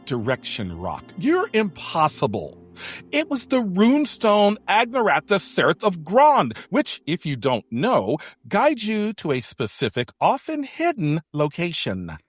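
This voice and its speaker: A woman acting a lead in an audio drama, dramatic and theatrical, swinging between deadpan and excited. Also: medium pitch, unhurried, breathy edge, no room sound, faint music behind.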